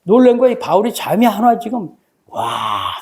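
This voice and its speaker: A man preaching a sermon as pastor, telling the story with lively acted-out voices and calling for amens from the congregation. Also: high voice, normal speed. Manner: animated storytelling, acts out voices of biblical figures.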